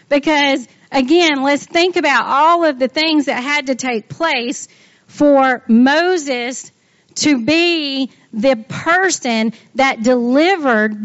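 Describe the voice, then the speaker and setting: A woman leads a Bible lesson in a high, bright-toned voice. She talks straight to her listeners and keeps an animated back-and-forth going. The recording is dry, with little room sound, and slightly dull. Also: no echo. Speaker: Bible teacher.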